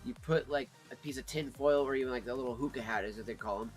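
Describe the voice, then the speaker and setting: Male livestream host, medium-pitched, casual and chatty with a rambling, informal delivery over faint music. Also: fast. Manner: informal, rambling, addresses chat as friends. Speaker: livestream host reviewing pipe tobacco.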